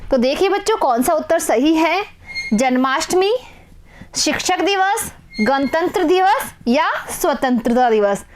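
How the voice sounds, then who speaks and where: A woman's voice: high voice, animated, measured pace, slight background noise. A young woman teacher giving a patient, repetitive lesson to young children, asking questions and answering them herself. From Rajasthan, India.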